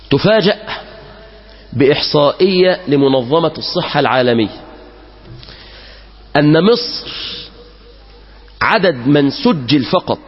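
A man's voice: fairly high pitch, breathy edge, lo-fi sound. A man with an Egyptian Arabic accent preaching a Friday sermon, moving between classical Arabic and casual asides with rhetorical questions.

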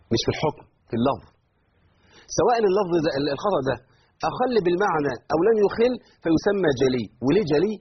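A man with an Egyptian accent giving a religious lesson on Quran recitation, animated and rising sharply on his examples. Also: medium pitch. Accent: Egyptian Arabic. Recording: dull lo-fi recording, faint noise.

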